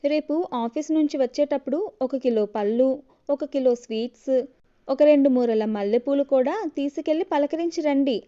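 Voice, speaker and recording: A woman's voice: sits high, moderate pace, lightly acted. A woman playing a melodramatic TV-hooked wife. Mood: irritated. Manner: sharp, sulky and theatrical. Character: naive, melodramatic young wife hooked on TV dramas. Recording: dull lo-fi recording.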